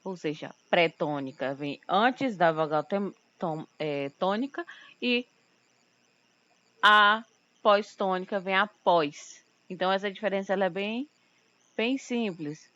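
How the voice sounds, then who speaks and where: A woman teaching a recorded lesson, explaining step by step and slowly repeating example words. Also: mid-range voice, expressive, sharp tone, no room sound. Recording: muffled lo-fi home recording.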